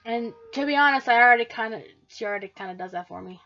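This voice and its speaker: A woman's voice: fairly high pitch, fast, bright, forceful tone, muffled recording. Jokey, profane woman gamer. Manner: jokey, profane, self-mocking. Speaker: let's play host. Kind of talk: casual gameplay commentary.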